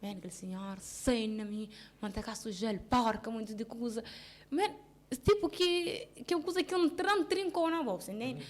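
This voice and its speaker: A woman with a Cape Verdean Creole accent speaks with a slightly high voice. Her telling is halting and full of restarts. She keeps checking whether the listener understands, mostly subdued, with sudden bursts of emphasis. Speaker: interviewee. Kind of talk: personal account in a casual interview.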